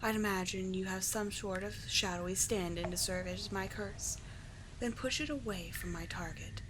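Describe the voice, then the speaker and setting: In an ASMR roleplay, a woman plays a doting, teasing sea witch mermaid, her medium-pitched voice soft, breathy and often close to a whisper. She speaks at a moderate pace in soothing, formal storybook phrasing, patient and coaxing, lightly acted over some background noise.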